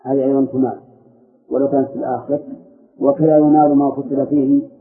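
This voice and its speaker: A man's voice: mid-range voice, flat delivery, fast. A man teaching a classroom lesson on grammar, explaining verses and questioning his students as he goes. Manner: questions students and corrects them. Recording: tinny phone-like audio.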